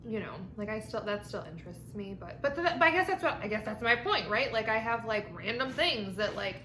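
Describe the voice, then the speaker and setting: Casual female vlogger, mid-pitched, informal rambling delivery with mild swearing; roomy echo, noticeable background noise. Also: expressive, brisk, bright, forceful tone. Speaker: vlog host. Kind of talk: casual rambling chat to camera while eating lunch. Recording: echoey room with clear background noise.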